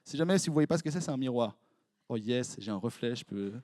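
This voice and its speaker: A young man with a Swiss French accent, preaching as a youth pastor in a lively, joking way, quizzing his congregation. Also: mid-range voice, dry recording, clean studio sound. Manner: playful, jokey, quick asides to the crowd. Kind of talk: lively sermon with audience interaction. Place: church hall before a congregation.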